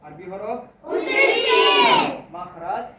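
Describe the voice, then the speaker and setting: A man's voice: sits high, lively intonation, very slow, over a noisy crowd. Guy teaching kids in a classroom, keeps quizzing them, roomy echo, noisy dull recording. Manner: asks the class constant questions, repeats key words. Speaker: teacher of Quran recitation. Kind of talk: classroom lesson to children. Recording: echoey room, distant mic, dull, noisy.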